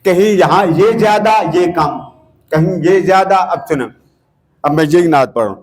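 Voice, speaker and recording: A man with a Pakistani Urdu accent teaching children to sing devotional naat in a school classroom. He sings slow, drawn-out lines, then explains quickly and coaxes the pupils. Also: sits high, a little mellow, husky. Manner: addresses children as a coaxing teacher. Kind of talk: teaching devotional chant with sung examples.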